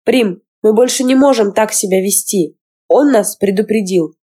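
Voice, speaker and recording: A woman voicing a terrified teenage girl student who sobs and pleads in a shrill, tearful voice. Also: normal speed, mellow, husky, close to an everyday voice. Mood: panicked, tearful.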